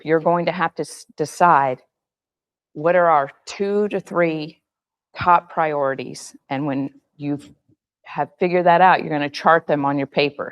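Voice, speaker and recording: A woman's voice: low-pitched, highs cut off. A woman who is losing her voice, giving a meeting group directive step-by-step instructions. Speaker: meeting facilitator. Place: meeting room.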